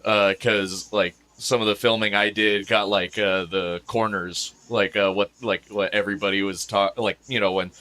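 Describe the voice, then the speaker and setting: A man with a somewhat low voice and a bright, forceful tone. He talks in a casual podcast chat, hesitant and full of fillers and restarts. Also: steady tone, normal speed, hardly any pauses. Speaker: podcast host and event videographer.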